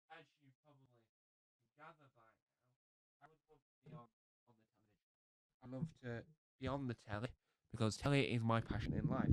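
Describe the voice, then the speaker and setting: A man's voice: mid-range voice, smooth, no room sound. A man chatting casually on a live stream, rambling and joking, breaking off his own sentences. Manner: chatty, self-interrupting, jokey.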